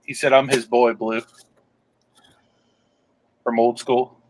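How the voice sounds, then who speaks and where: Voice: mid-range voice, flat delivery, takes it slowly, dry recording, rough recording. A speaker ribbing friends on a casual live stream, laughing at their own jokes. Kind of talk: casual joking chat.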